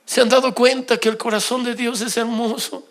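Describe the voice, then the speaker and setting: A middle-aged man preaching an emotional sermon as pastor, swinging between loud exclamations and soft confessional tones. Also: very high-pitched, level tone, moderate pace.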